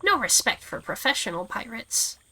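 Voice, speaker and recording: Brief: a woman playing a scornful pirate man, gruff and growly, with a lively lilt. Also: on the high side, moderate pace, slight background noise, pitched above the performer's own voice, exaggerated voice, low-quality recording. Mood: indignant. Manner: growly pirate talk with "arr".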